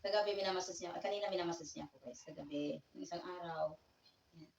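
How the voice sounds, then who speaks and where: A woman's voice: lowish voice, fast, gravelly, a little mellow, reverberant, far from the mic, lo-fi sound, a little hiss or hum. A woman vlogging at home, talking playfully to her cat and laughing often. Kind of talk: casual vlog chat with her cat. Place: indoors at home, in a bedroom.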